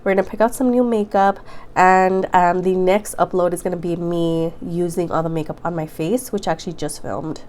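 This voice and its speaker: A woman's voice: lowish voice, fairly even intonation, normal speed, darkish tone, slight background noise. A young woman vlogging about her makeup collection in a casual chat, her voice nasal and congested from a cold. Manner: chatty, upbeat, says "girl" and "go ahead".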